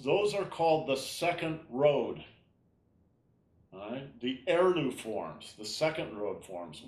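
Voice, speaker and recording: A man teaching an online tai chi class, explaining gently and often checking in with "all right?". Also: medium pitch. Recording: roomy echo.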